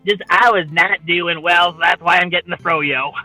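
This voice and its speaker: A man's voice: high-pitched, steady tone, moderate pace, pushed and bright, no echo, faint music behind, low-quality recording. A man chatting casually from his car, heard through a Bluetooth speaker, easygoing and hesitant with fillers. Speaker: guest on a livestream. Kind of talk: casual chat.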